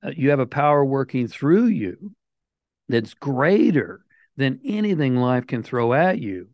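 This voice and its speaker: An older man with a middle-pitched voice gives an earnest, emphatic motivational talk as a podcast guest. His audio sounds dull and muffled, with a dry, close feel. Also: big pitch swings, a little slow, dry recording.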